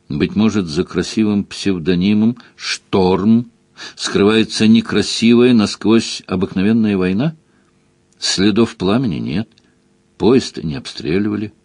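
Male audiobook narrator, low voice, steady unhurried reading, dry close sound. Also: no room sound. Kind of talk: scripted narration.

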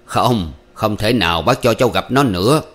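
A man voicing an old man, a former cook, who questions slowly and deliberately. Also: on the low side, lively intonation. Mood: probing. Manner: slow, probing, deliberate.

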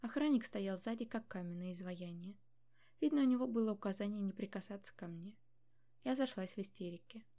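Mellow woman narrating an audiobook. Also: mid-range voice, brisk. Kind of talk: first-person audiobook narration.

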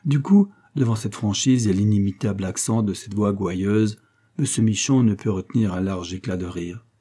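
A man reading a classic novel aloud as narrator, in measured, even storytelling. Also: fairly low pitch, breathy edge. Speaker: audiobook reader. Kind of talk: scripted narration.

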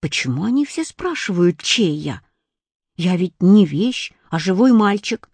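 A woman's voice: fairly low pitch, very animated, a little slow, darkish tone, husky, no echo, heavily acted. A woman voicing a stubborn, cheeky modern schoolboy who answers back in a brash, mocking way.

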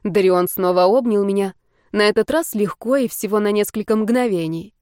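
A woman narrates a first-person audiobook in a steady, even storytelling manner. Her voice sits at a medium pitch. The sound is dry and close, with no room echo. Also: moderate pace, clean tone.

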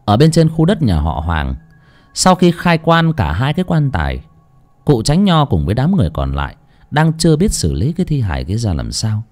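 Expressive male audiobook narrator. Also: mid-range voice, normal speed. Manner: dramatic, expressive. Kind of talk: scripted horror story narration. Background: faint music.

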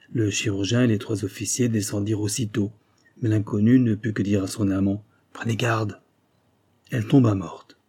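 A man narrating a classic short story in a measured, steady audiobook reading. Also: on the low side, slightly rough.

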